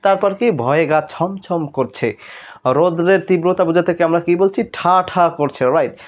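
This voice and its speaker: A man's voice: high voice, moderate pace, muffled recording. A man with a Bangladeshi Bengali accent working through admission exam questions as a tutor, explaining each answer and checking understanding with rhetorical questions. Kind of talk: exam solution lesson.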